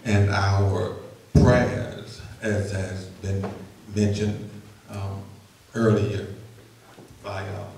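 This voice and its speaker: Echoey, slow-paced man praying in church. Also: sits low, level tone, slight background noise. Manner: earnest, deliberate, repetitive phrasing with pauses. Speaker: minister leading prayer. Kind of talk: extemporaneous church prayer, preaching cadence. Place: church sanctuary, indoors. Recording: very echoey church, distant mic, loud congregation.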